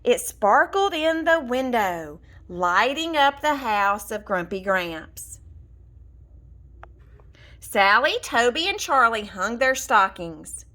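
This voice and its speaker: Reading from a children's storybook, a woman with a fairly high voice tells the scripted story aloud, deliberate and full of expression.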